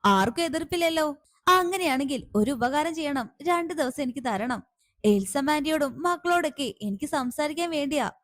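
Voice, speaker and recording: A woman doing a calm, gently firm young woman. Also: high voice, normal speed, dry recording, studio quality. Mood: pleading. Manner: calm, gently reasoning and pleading. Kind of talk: serial recap with acted dialogue.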